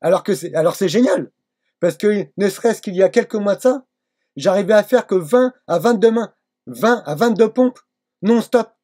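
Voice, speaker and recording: A man's voice: high-pitched, animated, moderate pace, mellow. A middle-aged man talking casually to camera as a vlogger, hesitant and repeating his phrases. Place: small attic room at home.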